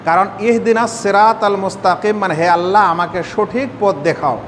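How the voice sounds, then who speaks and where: A man's voice: steady tone, normal speed, a bit bright. A man, an Islamic scholar, gives a sermon-style lesson on how to pray, explaining each step and putting rhetorical questions to his listeners. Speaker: Islamic scholar teaching prayer. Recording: hall reverb, faint rumble.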